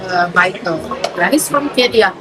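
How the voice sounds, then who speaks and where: A woman chatting casually with a friend over brunch and telling a story in an animated way. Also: mid-range voice, moderate pace, a crowd in the background. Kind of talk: casual chat.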